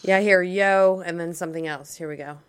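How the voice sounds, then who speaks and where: A woman in relaxed, matter-of-fact casual chat as a podcast co-host. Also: on the low side, a little fast, slight background noise.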